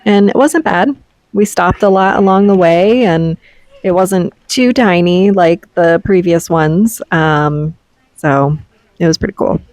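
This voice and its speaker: A woman's voice: fairly low pitch, a little slow, darkish tone, no echo. A woman vlogger giving a casual, conversational voice-over recap, explaining things as she goes.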